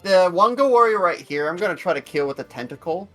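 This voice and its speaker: Lively, fairly high-pitched male player. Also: fast. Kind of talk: casual table chat. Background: faint music.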